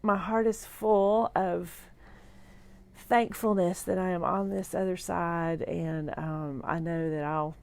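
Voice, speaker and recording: A middle-aged woman weak and groggy after surgery, rambling sincerely and haltingly in a personal livestream from a hospital room. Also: on the low side, steady tone, creaky, darkish tone, dry recording. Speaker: vlogger sharing a personal update.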